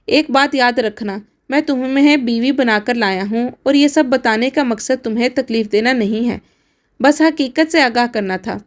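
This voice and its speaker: A woman's voice: a little high, natural voice. Stern rich young husband, firm and bossy, woman reading the part, storybook style.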